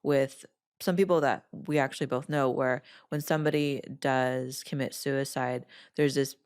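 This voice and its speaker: A woman hosting a podcast interview, talking in a frank, conversational way and backing her guest with quick affirmations. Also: rumbling low, steady tone, darkish tone, clear, resonant tone. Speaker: podcast host.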